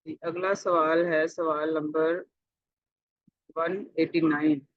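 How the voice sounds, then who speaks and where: A tutor with a Pakistani Urdu accent reads out multiple-choice exam questions and gives the answers, talking deliberately, repeating questions and adding conversational fillers. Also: medium pitch, level tone, no echo. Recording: dull lo-fi dry recording.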